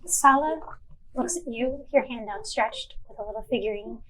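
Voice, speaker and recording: A woman game master narrating a tabletop game in a loose, chatty manner. Her voice sits a little high, and she fills her narration with casual fillers. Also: normal speed, fairly bright tone, a little hiss or hum, low-quality recording.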